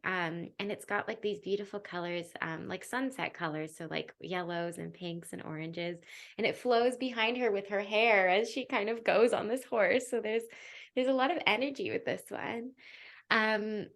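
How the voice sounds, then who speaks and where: A young woman with a mid-range voice and some vocal fry hosts a relaxed podcast, giving an intuitive spiritual guidance reading at a moderate pace. Her chatty talk is full of fillers and little laughs, and she often slips into a soft, hushed tone when describing what she sees.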